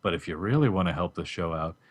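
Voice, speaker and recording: A man's voice: low voice, lively intonation, quick pace. A man co-hosting a gaming podcast over a call, chatty and teasing. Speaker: podcast co-host. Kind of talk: casual podcast chat.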